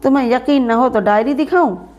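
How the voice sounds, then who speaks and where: Expressive woman telling a story. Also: high-pitched, a little fast, dull audio. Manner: expressive, plays the stern employer in first person. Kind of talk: dramatic story narration.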